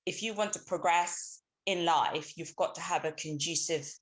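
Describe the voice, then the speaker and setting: A woman in her thirties, from Somalia, speaks over a remote call with a low voice. She talks hesitantly, with many ums and restarts, as she puts her points to a book talk. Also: moderate pace. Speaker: audience caller. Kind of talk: casual remote question.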